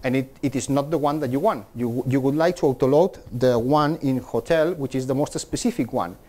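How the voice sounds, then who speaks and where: Speaking fairly quickly with a warm, medium-pitched voice, a middle-aged conference speaker explains technical material to a meetup crowd. He keeps repeating words and restarting, with a projector screen in the room behind him.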